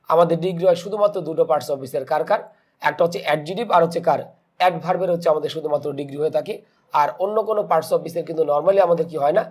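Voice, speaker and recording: A man's voice: a little high, darkish tone. A man teaching English grammar for exam prep in Bengali with a Bangladeshi accent, posing questions to students and answering them himself, mixing English terms into his speech.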